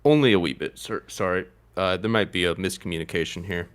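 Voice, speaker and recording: A man's voice: sits low, fairly quick, clean tone, natural voice. A man voicing an adventurer who poses as a guard, apologetic and hesitant. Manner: apologetic, deferential, hesitant fillers. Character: male adventurer posing as a deferential guard.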